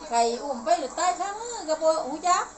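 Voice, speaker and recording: Older Isan woman, rather high, noisy recording. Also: big pitch swings, fast. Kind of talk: casual chat, reminiscing. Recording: noisy home-style recording.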